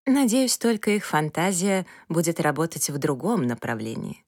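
A calm middle-aged mother, as a woman reader puts her on in an audiobook. She speaks low, even and matter-of-fact, with a dry edge. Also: moderate pace, no room sound, full character voice.

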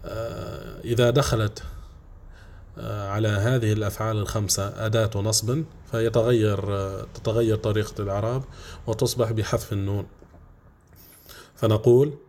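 A man giving a grammar lesson, repeating simple examples patiently with frequent drawn-out fillers. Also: fairly low pitch, steady tone, a little mellow, slight background noise. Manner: repeats examples slowly, with many "aah" fillers. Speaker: grammar teacher.

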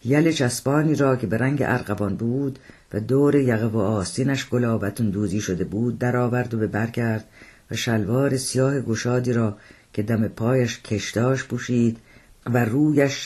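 Husky man narrating an audiobook. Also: mid-range voice, darkish tone. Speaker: author reading his own novel.

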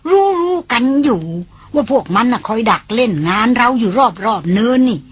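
A man's voice: very high voice, very animated, normal speed, husky, no echo, heavily acted. A woman reader voicing an anxious old male hunter guide in an audiobook, scolding in a worried way.

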